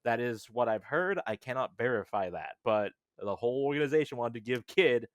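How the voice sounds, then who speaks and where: A man's voice: medium pitch, lively intonation, brisk, no room sound, clean studio sound. A man who runs tabletop game demos, chatting casually as a podcast guest, joking and hedging as he goes.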